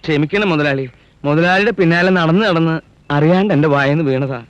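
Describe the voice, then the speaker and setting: A man's voice: fairly high pitch, brisk, dry recording, close to an everyday voice. A man playing a fawning, servile servant. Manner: apologetic, servile. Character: fawning, timid male servant of a landlord. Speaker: landlord's servant.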